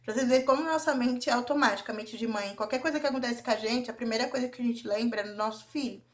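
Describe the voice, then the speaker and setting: A woman's voice: fairly high pitch, fast talker. A young woman with a Brazilian Portuguese accent tells her viewers a personal story in a confiding vlog, often turning to address them directly. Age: young adult. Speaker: vlogger.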